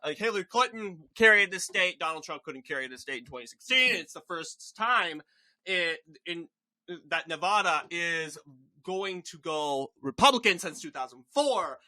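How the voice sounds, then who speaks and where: Bright-voiced young man as election night analyst. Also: high-pitched, animated. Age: young adult, about 20. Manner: halting, rambling, self-correcting. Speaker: channel host giving election results analysis.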